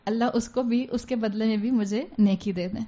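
A woman's voice: on the high side, fairly even intonation, warm tone. Earnest woman giving a religious lecture. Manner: earnest, exhorting, with rhetorical questions. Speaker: Islamic religious teacher. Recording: dull lo-fi recording.

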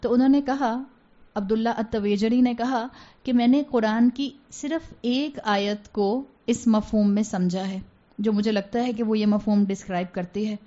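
A woman with a slightly high but dark, mellow voice delivers a religious lecture. She speaks earnestly, urging her listeners on and posing rhetorical questions. The recording sounds dull and lo-fi. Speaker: Islamic religious teacher.

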